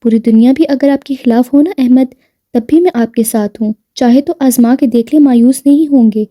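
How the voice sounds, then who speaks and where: Brief: woman reading a devoted wife with a sharp tongue, mellow, fairly high voice. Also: no room sound, studio quality. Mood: playful. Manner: playful with husband, harsh and angry with police. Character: loving loyal wife, sharp-tongued when angered.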